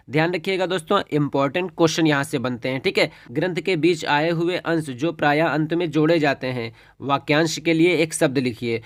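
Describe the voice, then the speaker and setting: Guy teaching a hindi lesson, kinda high voice, dry close mic, goes step by step and keeps saying ok. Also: no room sound. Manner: explains step by step, often says "ठीक है". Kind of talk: exam-prep lesson.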